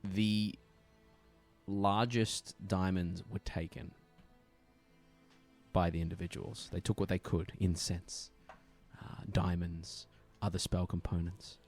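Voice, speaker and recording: A man with a very deep voice narrates the scene as game master, relaxed and loose, with fillers between his descriptions. Soft music plays faintly underneath. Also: takes it slowly.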